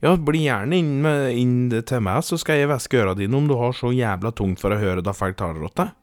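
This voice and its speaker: A man voicing a bold, quick-tempered young woman who scolds loudly and cheekily. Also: medium pitch, no echo, clean studio sound, pitched above the performer's own voice, natural voice. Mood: cheeky.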